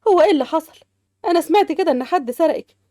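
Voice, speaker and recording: Snappy Egyptian housewives trade barbs at high speed, as a woman voices them. Her voice runs high and quick, recorded close and dry. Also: animated, dark tone, no echo. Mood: defensive. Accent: Egyptian Arabic. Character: adult sisters-in-law, sharp-tongued and bickering.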